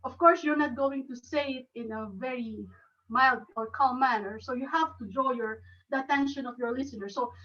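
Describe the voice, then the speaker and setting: Filipino woman speaker teaching a club session; halting, repeats words, pitched high, far from the mic. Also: sharp tone, lo-fi sound. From Philippines. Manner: halting, with frequent restarts. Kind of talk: educational talk.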